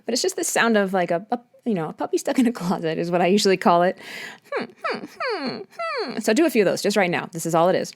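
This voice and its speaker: A woman vocal coach leading a quiet vocal warmup, stopping to demonstrate soft sounds. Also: on the low side, animated, racing, few pauses.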